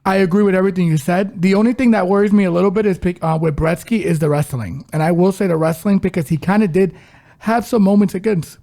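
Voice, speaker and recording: A man with a gravelly, warm, fairly high voice gives casual betting takes. He jokes constantly, with puns and loose, crude banter. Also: fast talker. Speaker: podcast co-host. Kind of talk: casual sports betting chat.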